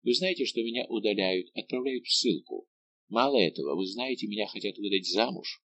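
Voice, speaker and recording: A man's voice: fairly low pitch, expressive, a little fast, a bit bright, no echo, highs cut off. A man reading an audiobook, voicing a young noblewoman who pleads with her royal lover in a passionate, pleading way. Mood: sorrowful.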